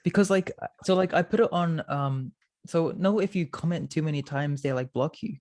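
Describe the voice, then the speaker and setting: A man's voice: a little high, normal speed, a little mellow. A young man in his twenties co-hosting a podcast, chatting casually with lots of filler words. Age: 20s. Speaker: podcast co-host. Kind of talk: casual chat.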